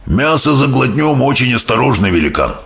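A man voicing a big, gentle giant who mangles his words into odd coinages, in a storybook reading. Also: mid-range voice, very animated, fairly quick, creaky. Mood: grumbling. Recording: dull audiobook sound, faint music.

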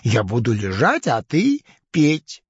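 Audio-play casting: sly, chuckling crocodile, husky and unhurried, faint music behind. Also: male voice, mid-range voice, huge pitch swings, no room sound, heavily acted. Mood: smug teasing. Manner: sly, chuckling, lazy drawl. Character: smug greedy male crocodile. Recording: slightly dull recording.

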